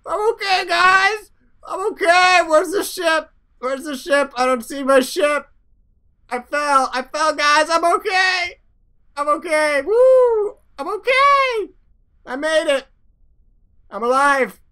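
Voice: extremely high pitch, expressive, slow pace, pushed and bright, pitched above the performer's own voice, heavily acted. A gamer voicing a small, panicky male astronaut creature in a yelping, frantic voice. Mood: relieved, dazed.

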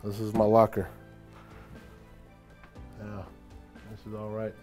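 Relaxed man telling a stadium story. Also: on the low side, slow pace, faint music behind. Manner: relaxed, reflective, animated when greeting a friend. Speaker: former football player giving a stadium tour. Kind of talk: casual storytelling walk-and-talk. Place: empty locker room, then an empty open-air stadium.

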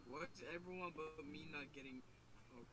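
A man's voice: fairly high pitch, moderate pace, pushed and bright, slight background noise. A young man in a gaming voice chat, making silly jokes and repeating catchphrases. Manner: silly, repeats joke phrases. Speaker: friend in voice chat. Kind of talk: casual voice chat. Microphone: voice chat mic.

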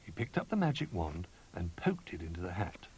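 A man narrating a children's storybook in an animated, sing-song manner. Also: deep voice, a little fast, a little hiss or hum. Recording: music under narration.

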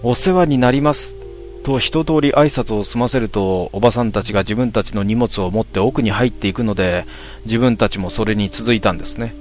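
A man reading a ghost story aloud in a calm, measured storytelling manner. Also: lowish voice, soft background music.

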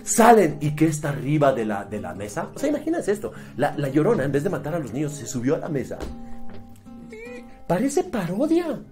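A man's voice: fairly high pitch, very animated, fast, hardly any pauses, a little mellow, faint music behind. A man with a Mexican accent giving a mocking, exasperated movie review, swearing freely. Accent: Mexican Spanish. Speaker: film critic. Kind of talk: sarcastic movie review rant.

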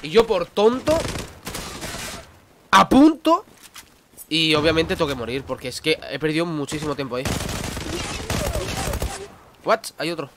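A man with a Spain Spanish accent giving excitable live gameplay commentary, exclaiming and talking to himself. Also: on the high side, unhurried, long pauses, noisy background. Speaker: gaming youtuber. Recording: gameplay audio with gunfire behind. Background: gunfire from the game.

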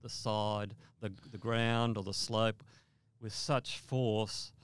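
A man from Australia, a mountaineer guest in an interview, telling a vivid story in a halting way with repeated words. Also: lowish voice, little pitch movement, clear, resonant tone, no echo.

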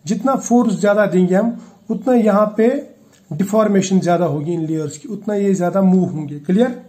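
A man with a high, mellow voice delivers a chemistry lecture. He explains each idea step by step, slips English technical terms into his Hindi, and keeps checking that his students follow. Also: moderate pace. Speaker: chemistry teacher. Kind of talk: classroom lecture.

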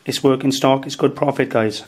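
A man's voice: mid-range voice, fairly even intonation, moderate pace, background noise. A Welsh man in his thirties, an antiques dealer, chatting casually at home about his market buys and sprinkling "um" and "guys" through his tips. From Wales. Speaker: antiques dealer and channel host. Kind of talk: casual show-and-tell vlog. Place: dining room at home, indoors.

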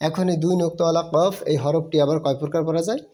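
A man teaching Arabic letter sounds, drilling the class with slow, sing-song repetition. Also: on the high side, fairly even intonation, warm tone. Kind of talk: recorded Arabic letter lesson.

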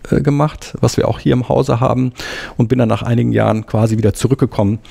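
A middle-aged man from Germany talks through his legal career in a calm, explanatory way. His voice is gravelly and dark, and he often pauses on hesitation fillers. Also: medium pitch. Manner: measured, explanatory, frequent "äh" fillers. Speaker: EU Commission lawyer, guest. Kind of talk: explanatory interview talk.

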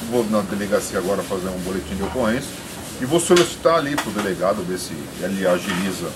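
A man's voice: low voice, lively intonation, quick pace. Earnest man with a São Paulo accent. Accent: Brazilian Portuguese, São Paulo. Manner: earnest, rambling, with restarts. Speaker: restaurant owner. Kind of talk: on-the-spot interview. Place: outdoors beside a restaurant. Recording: noisy outdoor field recording.

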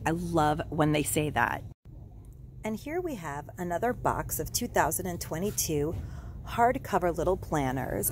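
A woman's voice: fairly low pitch, a little mellow, a little hiss or hum. A middle-aged woman giving a gushing, enthusiastic shop-with-me narration, filming on a handheld phone inside a discount store. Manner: gushing, enthusiastic product descriptions. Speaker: shopping vlogger. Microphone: handheld phone camera.

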